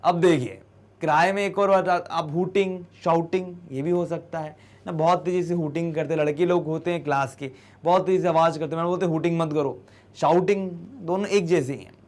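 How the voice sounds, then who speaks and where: A man teaching an English lesson in Hindi, reading the English lines out slowly with an Indian accent and asking and answering his own questions. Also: a little high, steady tone, a little mellow. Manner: mixes Hindi explanation with slow read-out English. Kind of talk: classroom lesson explaining an exercise.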